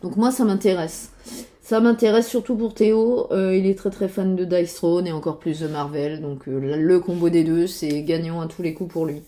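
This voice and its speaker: A woman talks casually about upcoming board games, pausing with frequent fillers and muttering while she clicks through websites. Her voice sits low and mellow. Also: steady tone. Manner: chatty, hesitant, many fillers, mutters to herself. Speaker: board game youtuber.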